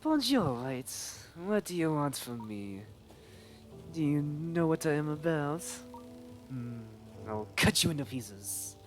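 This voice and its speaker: A man's voice: on the high side, sing-song, slow pace, pitched above the performer's own voice. A man voicing a theatrical, teasing cannibal cook on a ship. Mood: menacing. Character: menacing male ship's cook, cannibal murderer. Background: background music.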